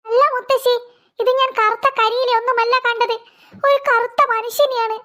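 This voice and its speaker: A skittish little cartoon girl, as a woman voices her stammers out her words. Her voice is squeaky and very high. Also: level tone, normal speed, bright, forceful tone. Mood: frightened. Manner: breathless, stammering. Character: young girl Pinki, nervous and excitable. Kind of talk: cartoon voice acting.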